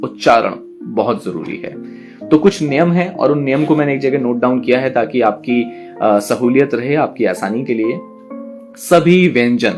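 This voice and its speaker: A man's voice: mid-range voice, a little mellow. A man teaching an online class on poetry, explaining patiently and stretching out words syllable by syllable to demonstrate. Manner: slow, drawn-out syllable demonstrations; explains patiently, addresses students directly.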